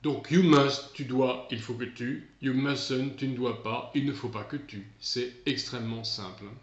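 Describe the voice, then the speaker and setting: Male teacher, mid-pitched, patient and repetitive; a dull, roomy recording. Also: fairly even intonation, a little slow. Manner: patient, repetitive explaining with restarts. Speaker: English teacher. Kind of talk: recorded remote lesson.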